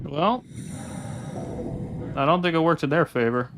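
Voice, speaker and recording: A man's voice: on the high side, measured pace. Chatty male game streamer, noisy background. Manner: chatty, sweary, talks to game characters. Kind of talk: casual playthrough commentary.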